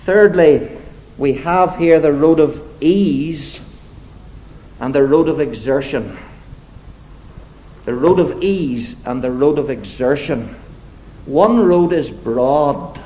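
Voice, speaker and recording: A man preaching a sermon to his congregation, deliberate and emphatic, slipping into wry, self-deprecating asides. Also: fairly high pitch, expressive, warm tone, poor audio.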